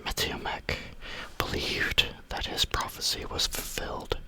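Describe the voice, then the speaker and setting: A man reading spooky stories aloud as ASMR in a breathy, unvoiced whisper, with deliberate phrasing.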